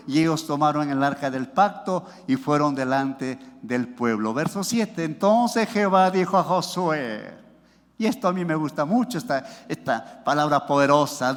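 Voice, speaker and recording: A man's voice: high voice, long reverb tail. A man preaching a sermon with fervor, reading scripture verses aloud and calling out to his listeners. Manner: fervent preaching, with many "hermano" and "aleluya". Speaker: pastor.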